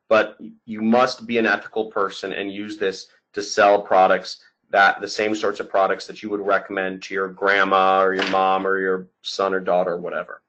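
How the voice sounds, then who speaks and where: A man giving an online sales pitch as a marketing coach, emphatic, repeating key points and often checking in with the listener. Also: fairly bright tone, rough recording. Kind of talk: webinar sales pitch over slides.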